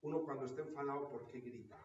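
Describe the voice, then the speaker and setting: A man's voice: medium pitch, fairly even intonation, fast talker, a little mellow, a little hiss or hum. A man, a parish priest, giving a teaching talk to parishioners and checking in with his listeners through a frequent questioning tag. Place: parish hall or church room. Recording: roomy, distant, dull sound.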